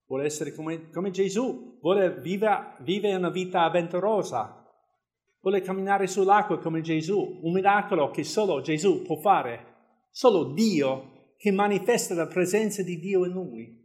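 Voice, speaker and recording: A man's voice: high-pitched, a little slow, a little mellow. Man preaching in a chatty, chuckling way. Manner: conversational, chuckles often, many restarts. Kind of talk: informal sermon with Bible reading.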